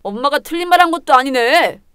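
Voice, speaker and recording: A woman's voice: lively intonation, quick pace, fairly bright tone, no echo, clean studio sound. A woman doing a contemptuous, selfish husband. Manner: lower put-on voice, blunt and dismissive. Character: selfish, mama's-boy young husband, contemptuous. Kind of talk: dramatized story reading.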